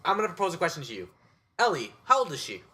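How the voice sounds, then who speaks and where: A man hosting a casual video game podcast, quick and joking. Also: fairly high pitch, huge pitch swings, sharp tone. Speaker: podcast host. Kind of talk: casual chat.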